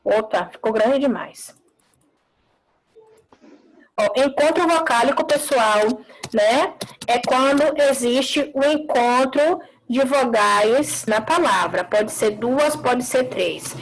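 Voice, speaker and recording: High-voiced woman teaching an online class. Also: low-quality recording. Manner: slow explaining, repeats words with tag questions.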